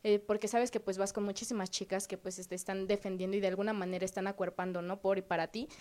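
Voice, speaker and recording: A woman's voice: medium pitch, little pitch movement, fast, a little mellow. Young woman, Mexican accent, student panel co-host, earnest, encouraging, filler-heavy speech. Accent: Mexican Spanish. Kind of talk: casual panel chat.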